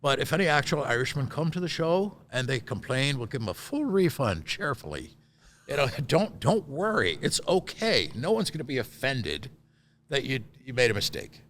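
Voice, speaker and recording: A man's voice: medium pitch, big pitch swings, normal speed, fairly bright tone, a little hiss or hum. A man from Northeastern Pennsylvania, a theatre manager, chatting casually as an interview guest in a self-deprecating way and often repeating words as he starts.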